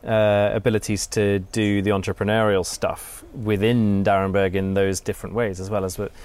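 Low-voiced man interviewing casually. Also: level tone, normal speed, darkish tone, clean tone. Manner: tentative, meandering questions. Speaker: podcast interviewer.

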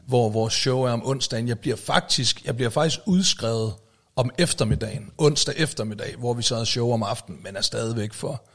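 A man with a husky, slightly breathy voice talks in a loose, conversational way. He leans on tag questions and fillers and swears now and then, like a podcast co-host telling a story. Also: mid-range voice. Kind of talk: casual chat.

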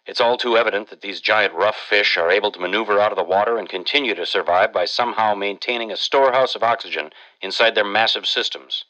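An actor playing a cautious scientist who reports by wire, his formal, measured lecture heard through a muffled old-radio sound. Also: on the low side, bright, forceful tone. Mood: grave. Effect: muffled old-radio sound over a wire. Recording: dull lo-fi old broadcast.

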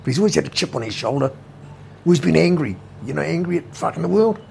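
Gravelly New Zealand man, blunt and profane. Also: a little high, animated, fast talker, darkish tone, slight background noise. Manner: blunt, swears constantly, rambling anecdotes. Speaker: interviewee, brother. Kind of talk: casual storytelling interview.

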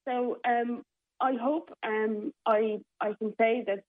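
A woman's voice: a little high, steady tone, takes it slowly. A woman from the Republic, a theatre programme manager, speaking as a radio interview guest in a hesitant way with many fillers. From Czech Republic. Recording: tinny phone line.

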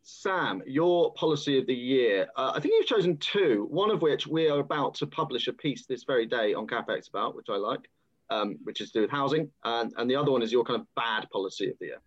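A man's voice: mid-range voice, expressive. Joking male host, dull lo-fi sound. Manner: joking, conversational, quick asides. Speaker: podcast host. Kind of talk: panel discussion. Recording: dull lo-fi audio.

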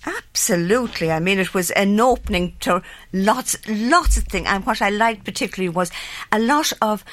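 A woman's voice: medium pitch, expressive, moderate pace, dry recording. An older woman with a west of Ireland accent, chatting casually as an interview guest and repeating phrases for emphasis. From Galway, west of Ireland. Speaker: tennis club founder, interview guest.

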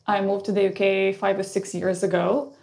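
A woman's voice: mid-range voice, flat delivery, moderate pace, creaky, a little mellow. A woman in her thirties from Lithuania, a startup co-founder introducing herself on a podcast in a conversational way. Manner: conversational, restarts mid-sentence.

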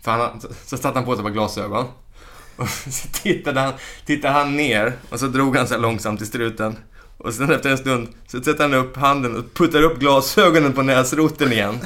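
A man with a bright, forceful voice tells stories in a relaxed chat. He acts out the jokes as he goes and swears freely. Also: medium pitch. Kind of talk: casual chat, telling comedy anecdotes.

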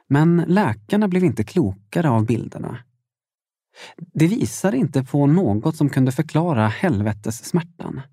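A man's voice: medium pitch, no room sound. Man narrating his memoir, dry studio sound. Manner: steady storytelling with dramatic emphasis. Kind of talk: first-person audiobook narration.

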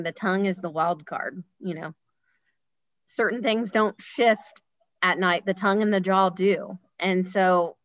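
A woman's voice: mid-range voice, dry recording. Woman host, emphatic, rhetorical, dull dry recording. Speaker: podcast host. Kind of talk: casual conversation.

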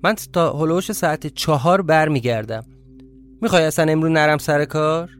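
A man voicing a gentle, affectionate young wife. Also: a little high, faint music behind, lightly acted. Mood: chatty. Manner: gentle, coaxing and teasing. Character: kind affectionate young wife figure, woman. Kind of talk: audio drama reading.

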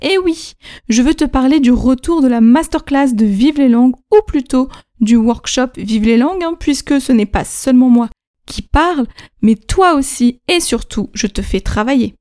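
A woman hosting a podcast language lesson, explaining pronunciation clearly and slowing down to spell out examples. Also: sits high. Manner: lively, clear teaching with slow, spelled-out examples. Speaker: French teacher and podcast host.

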